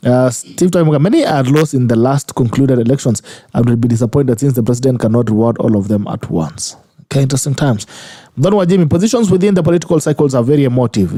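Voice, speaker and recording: A man's voice: mid-range voice, expressive, fast talker, dark tone, no room sound. A man with a Kenyan accent hosting a radio talk show, addressing listeners directly as he presents and reads out their comments. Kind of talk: call-in show chat, reading out listener comments.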